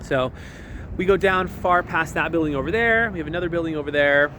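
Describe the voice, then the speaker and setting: Young male salesman, casual walkthrough, a bit high-pitched, light outdoor hum behind. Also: sharp tone. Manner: easygoing, laughs often, quick asides. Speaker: car dealership salesman. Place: car dealership lot and vehicle interior.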